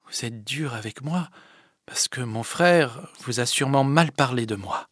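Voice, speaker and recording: A man's voice: mid-range voice, unhurried, no echo, studio quality. A man voicing a sickly, plaintive young man. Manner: plaintive, soft-spoken. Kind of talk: audiobook character voice.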